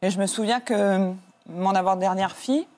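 A woman's voice: medium pitch, moderate pace, a little mellow. A middle-aged woman, a mother, recounting on a TV talk show, step by step, how she heard the news. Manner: recalling events step by step. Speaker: mother of a friend, guest. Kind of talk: TV interview testimony.

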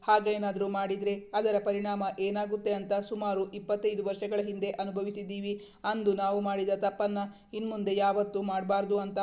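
A woman voicing a middle-aged father, remorseful and caring, who speaks in a measured, heavy-hearted way. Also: medium pitch, completely flat delivery, a little mellow, close to an everyday voice.

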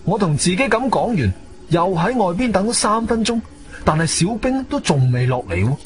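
A male actor with a high voice, speaking at a moderate pace, plays an agile, martial-arts-trained adventurer who narrates his own radio drama in Cantonese. His storytelling is animated, suspenseful, urgent and intense. It was recorded in a studio, with music playing behind him.

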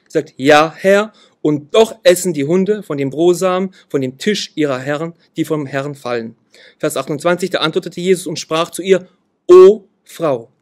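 A man preaching a sermon, reading Bible verses aloud and repeating key phrases with earnest emphasis. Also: a little high.

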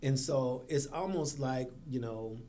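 Guest man, school equity director; mid-pitched, earnest, dry sarcasm. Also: a little slow, warm tone, a little hiss or hum. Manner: earnest, with sarcastic asides and laughter. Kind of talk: podcast conversation.

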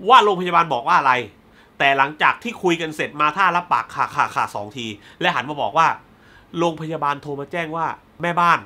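Bright-voiced, heated man reviewing films. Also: fairly high pitch. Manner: blunt, heated, swears freely then apologizes; retells scenes with quick acted-out dialogue. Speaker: movie reviewer. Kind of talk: casual spoiler film review.

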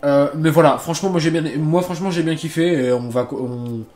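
A man's voice: on the high side, fairly quick, darkish tone, soft background music. A man casually commenting on a video game he is playing, rambling with lots of fillers, restarts and swearing. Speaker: gaming channel host. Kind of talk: casual let's play commentary.

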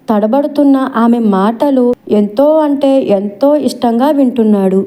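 A woman's voice: on the high side, mellow. A woman reading a romance audiobook as narrator, in a poetic, emotive storytelling manner.

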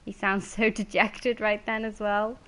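A woman's voice: mid-range voice, level tone, unhurried, fairly bright tone. A woman streaming a game, chatting casually, greeting viewers by name and laughing easily.

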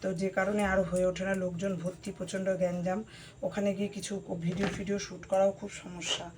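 A hoarse woman chatting casually to her viewers at home while cutting vegetables. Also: mid-range voice, darkish tone, slight background noise. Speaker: vlogger. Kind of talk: casual vlog chat to viewers.

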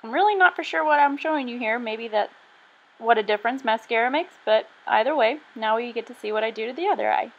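A woman's voice: fairly high pitch, fast talker. Young woman, casual makeup tutorial voice-over, chatty, self-deprecating, slightly muffled sound. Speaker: beauty vlogger.

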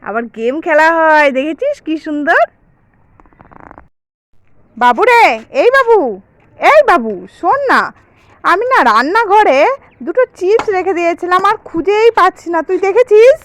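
High, lively woman teasing a child. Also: moderate pace, pauses often, no echo. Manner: teasing, coaxing, animated. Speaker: vlogger. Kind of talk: playful home skit with a child.

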